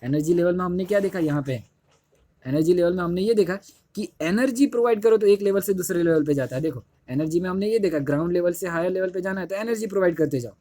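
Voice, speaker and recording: A man's voice: high-pitched, quick pace, dark tone, no room sound. A young man teaching a chemistry lesson in casual Hindi classroom style, repeating himself and correcting slips as he writes. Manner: repetitive, keeps saying "dekho", self-correcting. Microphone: phone held while writing on screen.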